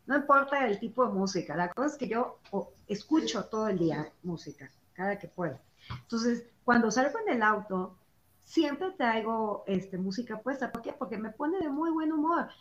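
Woman chatting, kinda high voice, muffled and echoey sound. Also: lively intonation, moderate pace, slight background noise. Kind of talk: casual chat. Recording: dull, echoey remote audio.

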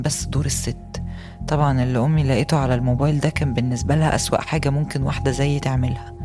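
A woman with an Egyptian Arabic accent, voicing a young woman in her twenties who earnestly recounts a harsh mother in scripted first-person podcast narration. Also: a bass voice. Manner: earnest and intimate storytelling, rising to agitation in retold fights. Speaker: voice actor reading a personal testimony.

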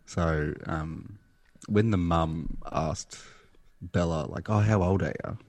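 A man's voice: sits low, slow, darkish tone, no room sound. An Australian man co-hosting a podcast, making laid-back, dry remarks in casual chat about a reality show. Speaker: podcast co-host.

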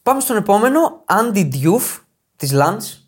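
A man's voice: high-pitched, sing-song. A man co-hosting a casual football podcast, introducing players one by one in a chatty way. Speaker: podcast co-host.

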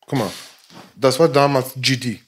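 A man's voice: medium pitch, steady tone, moderate pace. A man, a rapper guest in a casual interview, who talks emphatically in street slang, repeats himself and keeps checking in with his listener.

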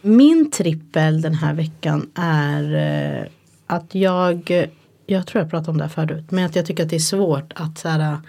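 Low-voiced woman, calm co-host. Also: creaky. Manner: calm listener with short supportive replies. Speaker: podcast co-host. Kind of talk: casual chat.

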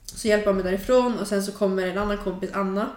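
A young adult woman telling a personal story in casual chat, animated and full of fillers. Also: medium pitch, noisy background. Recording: roomy echo.

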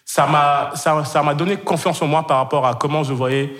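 A man's voice: fairly high pitch, steady tone, normal speed, fairly bright tone. A man in his twenties, from Senegal and raised in Kenya, telling a personal story as a podcast guest. He talks hesitantly, with many fillers and repeated words, and laughs often. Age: 20s.

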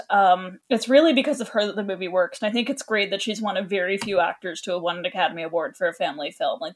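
A woman co-hosting a podcast, giving eager, upbeat opinions about a film. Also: mid-range voice. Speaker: podcast co-host. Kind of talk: casual film discussion.

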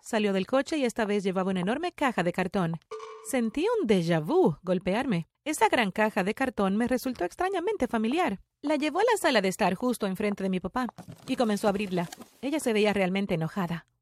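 A woman narrating a first-person story with a breathless, excitable delivery. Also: mid-range voice, fairly quick, a little hiss or hum.

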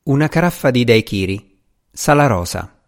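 A man's voice: medium pitch, animated, moderate pace, natural voice. A man voicing a gracious, affectionate middle-aged duchess in an audiobook reading.

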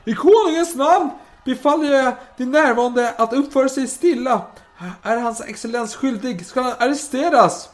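A man voicing an official shouting formal commands at a crowd. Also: very high-pitched, voice pushed up. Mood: commanding.

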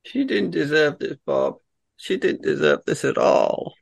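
A man's voice: fairly high pitch, expressive, a little slow, vocal fry, slightly rough, pitched above the performer's own voice, full character voice. A man voicing an earnest, anxious but resolute space hero with melodramatic delivery in an amateur script reading. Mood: grieving.

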